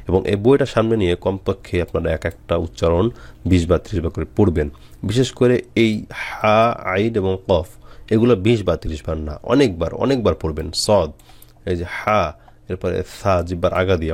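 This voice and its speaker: A man teaching Quran reading, slowly spelling out Arabic letters and drilling the long vowels with patient repetition. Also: deep voice, darkish tone, dry recording.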